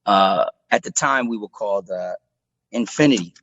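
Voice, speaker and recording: A man's voice: fairly low pitch, moderate pace, no room sound, dull audio. A man being interviewed about his singing career, telling stories casually with slang and acting out quotes. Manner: animated storyteller using slang, acts out quotes. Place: studio-style phone or video call.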